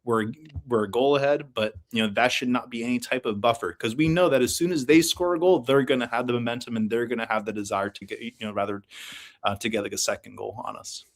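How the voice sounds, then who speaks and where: A man with a mid-pitched voice gives casual fan punditry on football. He talks haltingly, circling back on himself and leaning heavily on filler phrases as he builds a point. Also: steady tone. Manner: halting, circling delivery heavy with "you know" and "like".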